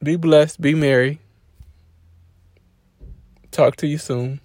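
A man hosting a podcast, giving a casual faith-based motivational talk with a relaxed, preachy delivery and frequent restarts. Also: fairly high pitch, slow, no echo, studio quality. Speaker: podcast host.

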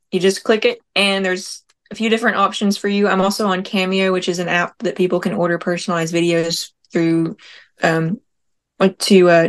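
Chatty young woman guest. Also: lowish voice. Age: young adult. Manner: chatty, many fillers. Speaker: guest, nurse and prank caller. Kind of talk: casual interview answers.

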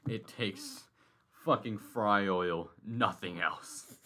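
A man's voice: lowish voice, slow pace, sharp tone. A man co-hosting a podcast, trading profane jokes in casual banter and laughing often. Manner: profane, laughing, drawled punchlines. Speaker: podcast co-host.

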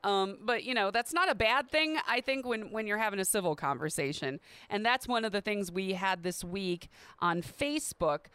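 A woman hosts a casual solo podcast in a chatty, upbeat manner. Her voice is smooth and clear. It is recorded dry and close, with no room sound. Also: medium pitch, expressive, normal speed, fairly bright tone, no echo. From Midwestern United States. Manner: chatty and upbeat, with light laughs. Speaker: podcast host. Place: at home in a quiet neighborhood.

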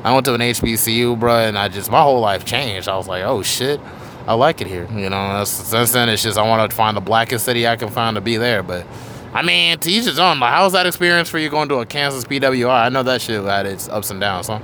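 Fast-talking chatty podcast host man. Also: mid-range voice, pushed and bright, a little hiss or hum. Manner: chatty, rambling, swears casually. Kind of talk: casual interview chat.

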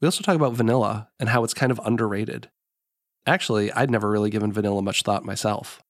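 A man's voice: fairly low pitch, quick pace, no room sound, clean studio sound. Nasal, congested middle-aged American man hosting. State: congested from allergies. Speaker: podcast host. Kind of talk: scripted podcast introduction and sponsor read.

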